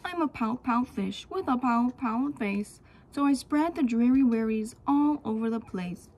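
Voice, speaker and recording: A woman acts out a gloomy pouting fish from a storybook. He sounds mopey and resigned as he recites his rhymes in a singsong way, with a slightly husky edge. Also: a little high, a little slow, a little mellow. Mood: glum, mopey. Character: glum, gloomy male pout-faced fish.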